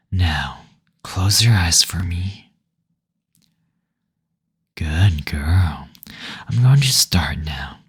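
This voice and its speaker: In an intimate roleplay audio, a man plays a gentle, teasing demon with a tender, unhurried delivery, soft and breathy and frequently near a whisper. His low voice has a breathy edge and an exaggerated quality.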